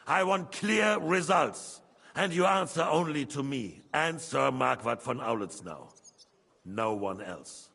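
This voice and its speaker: Medieval king, game drama. Commanding, embittered, mid-pitched with vocal fry. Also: expressive, slow pace, fairly bright tone, exaggerated voice. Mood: stern, furious. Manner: haughty, formal, commanding. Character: imperious, embittered medieval king, scornful and calculating.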